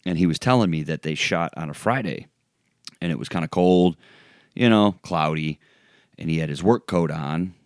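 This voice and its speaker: Deep-voiced laid-back man chatting. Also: moderate pace, no echo, clean studio sound. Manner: laid-back, laughs often, acts out quoted voices. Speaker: podcast co-host. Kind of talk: casual chat.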